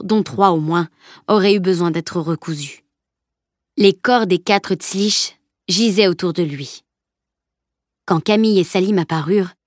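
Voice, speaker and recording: Woman narrator, audiobook, low voice, dry close recording. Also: darkish tone, no echo. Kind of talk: scripted narration.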